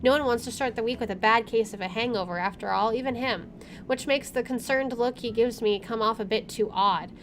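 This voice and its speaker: A gaming YouTuber, a woman with a fairly bright, somewhat high voice, narrates a let's play at a fairly quick clip. She reads the story text expressively and drops in informal asides over game music, with slight background noise.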